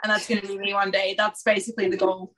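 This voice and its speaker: A woman hosts a casual basketball podcast. Her voice is bright and forward, and she talks in a loose, emotional way, full of "like" and quick asides. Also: mid-range voice, little pitch movement, low-quality recording. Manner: chatty and emotional, filler-heavy. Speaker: podcast host. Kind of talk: casual sports podcast chat.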